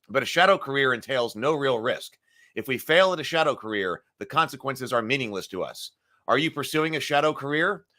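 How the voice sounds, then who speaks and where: A middle-aged man thinks aloud with fillers and clears his throat often while hosting a casual morning live stream, his voice gravelly today. He speaks at a moderate pace in a mid-range voice, with lively intonation and a sharp tone.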